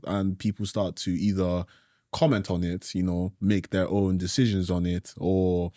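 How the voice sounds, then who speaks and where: A young man from Nigeria hosts a casual podcast chat with a very low voice. He talks loosely, full of "bro" and "like". The sound is close and dry, with no room around it. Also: a little slow, no echo. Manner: relaxed, slangy, says "bro" and "like" a lot. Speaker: podcast host.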